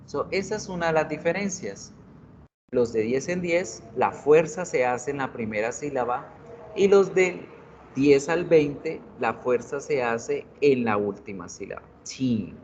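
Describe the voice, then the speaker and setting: A man's voice: medium pitch, darkish tone. A man teaching a video English class, patiently repeating words for students to drill. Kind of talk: bilingual video class lesson. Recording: dull lo-fi recording with faint noise.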